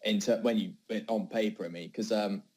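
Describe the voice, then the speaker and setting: A young man talks football in a loose, unscripted debate. His voice sits low and mellow. He thinks aloud as he goes, with halting fillers and restarts. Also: steady tone, slightly rough, poor audio. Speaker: podcast debater.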